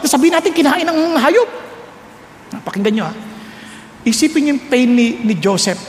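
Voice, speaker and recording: A man's voice: very high voice, slight background noise. A man preaching a sermon, telling a story dramatically, acting out voices and joking with the congregation. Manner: dramatic, acts out voices, jokes with audience. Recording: echoey hall with long reverb.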